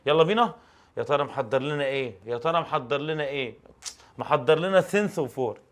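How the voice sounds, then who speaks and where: A young man with an Egyptian Arabic accent, teaching an exam review lesson in an animated, joking way full of rhetorical questions. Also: fairly high pitch, fast talker. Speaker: English teacher.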